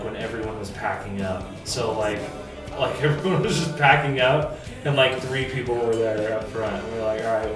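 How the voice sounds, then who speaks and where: Twenty-year-old guy, echoey distant interview. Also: mid-range voice. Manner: loose storyteller, heavy use of "like". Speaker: guitarist in a band. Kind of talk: casual documentary interview. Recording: echoey room, distant mic, music underneath.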